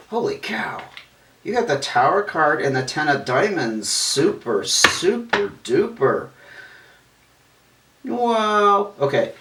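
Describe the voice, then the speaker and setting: A man of middle pitch gives a casual tarot reading, chatty and reassuring, with sudden exclamations over the cards. He stumbles over words and restarts now and then. His voice sounds set back from the mic in a room with a lot of echo. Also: a bit bright, recorded from a distance. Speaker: tarot reader.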